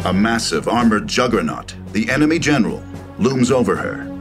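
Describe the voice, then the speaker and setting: Low-voiced man narrating a screenplay over music. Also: sing-song, normal speed. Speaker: narrator reading stage directions.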